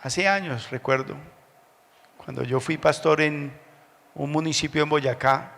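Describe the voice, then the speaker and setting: A man from Colombia with a Bogotá accent, preaching a sermon as a pastor, telling stories slowly and building up to loud preaching. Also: fairly high pitch, vocal fry. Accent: Bogotá Spanish. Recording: long hall reverb.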